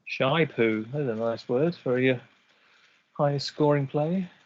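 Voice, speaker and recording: A man's voice: mid-range voice, measured pace, lo-fi sound. A man giving live game commentary, chatty and analytical as he breaks down each move.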